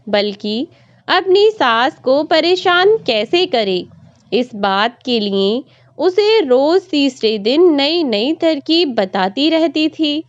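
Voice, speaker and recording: A woman narrating a family drama story in a slow, expressive way. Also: high voice, no echo, lo-fi sound.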